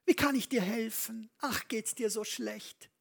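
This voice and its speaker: A preacher voicing a doting old king who fusses tenderly over his sick son in a soft, cooing voice. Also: mid-range voice, a little slow, creaky, voice pushed up.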